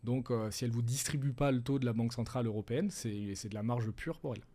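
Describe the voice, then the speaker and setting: A man with a mellow, relaxed voice talks through ideas patiently, one step at a time. He is a middle-aged guest advisor in a casual interview, steady and explanatory. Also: medium pitch, fast. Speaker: wealth management advisor, guest.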